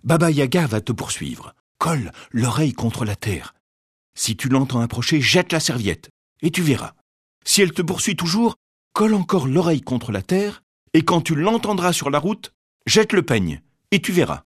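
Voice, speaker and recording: Man doing a sly storybook cat, slow and deliberate, lively pitch. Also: breathy edge, no room sound, studio quality. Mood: advising.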